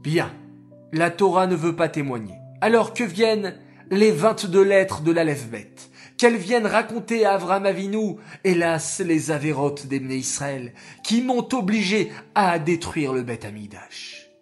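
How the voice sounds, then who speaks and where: A storyteller voicing God as a grave, sorrowful presence speaking slowly in a children's story. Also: mid-range voice, big pitch swings, faint music behind. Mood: solemn. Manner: grave, measured. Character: solemn, sorrowful divine voice.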